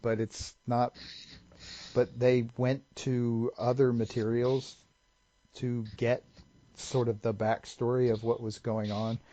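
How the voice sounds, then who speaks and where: This podcast co-host explains lore at great length in a casual chat, wandering off on tangents as he goes. His mid-range voice is mellow, fairly level, and unhurried, recorded on slightly dull lo-fi audio with a faint hiss.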